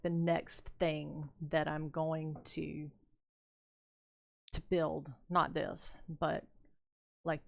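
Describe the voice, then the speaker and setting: Slow, gravelly-voiced older woman. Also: sits low. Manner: rambling storyteller, laughs often. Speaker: streamer. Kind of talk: casual chat while playing.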